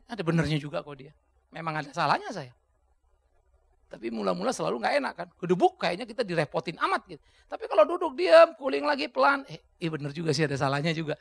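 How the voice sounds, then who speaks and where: Gravelly, animated male preacher. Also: very high-pitched, no room sound. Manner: colloquial, swinging from hushed asides to loud outbursts. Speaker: pastor. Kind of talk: sermon.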